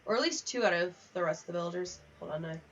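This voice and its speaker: A young woman rambles casually from one aside to the next on a gaming livestream. She speaks quickly in a lowish voice, picked up by a distant, slightly muffled mic.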